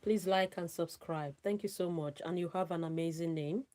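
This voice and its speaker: Speaking at a normal pace in a mellow, lowish voice, a Nigerian woman hosts a casual live stream with slight background noise. She's friendly and gushing, often repeating thanks and naming her listeners.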